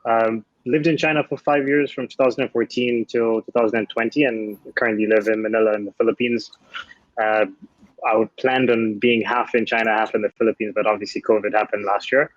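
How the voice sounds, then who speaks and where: A man with a lowish voice introduces himself in a relaxed, easygoing way during an online panel. The sound is dry and a bit dull, as if picked up by a basic mic on a video call. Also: fairly quick, no room sound. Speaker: panelist, sourcing company CEO.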